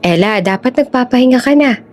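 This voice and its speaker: Female narrator playing a young coworker, loud and high, fussing kindly, audio storybook. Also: lively intonation, brisk, close to an everyday voice. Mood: urging. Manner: raised calling voice. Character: Joy, young woman coworker, loud and caring.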